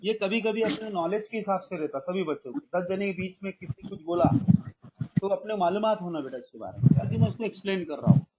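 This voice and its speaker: A man's voice: high voice, lively intonation, quick pace, muffled recording, very noisy. A man teaching a math class online, calling his students "beta" and mixing English math terms into his explanations.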